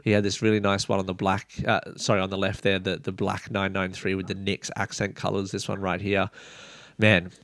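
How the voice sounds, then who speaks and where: A man's voice: low voice, completely flat delivery, brisk, fairly bright tone, dry recording. A man hosting a casual sneaker podcast, rambling with lots of fillers like "kind of" and "you know". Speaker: podcast host.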